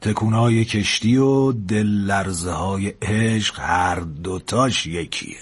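A wistful, fatherly old sailor, as a man puts him on in a read story. He talks slowly and stretches his phrases, a little higher than the reader's normal voice. The sound stays husky. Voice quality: slow, drawn-out phrasing. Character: fatherly older male sailor, wistful and wise. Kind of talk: storybook character voice.

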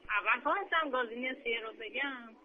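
A woman's voice: fairly high pitch, narrow, tinny audio, crowd noise. A woman contestant in a quiz, giving brief, tentative answers.

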